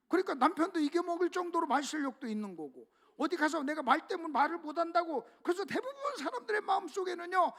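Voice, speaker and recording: Very high-voiced preaching man. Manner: preaches with rhetorical questions, often addressing the congregation directly; swings between loud emphatic passages and low, quiet ones. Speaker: pastor. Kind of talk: sermon.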